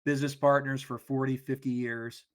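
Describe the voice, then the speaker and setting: A man's voice: medium pitch, flat delivery, normal speed. A man co-hosting a casual fan podcast about an old TV show, agreeable and hesitant, often repeating words. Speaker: podcast co-host.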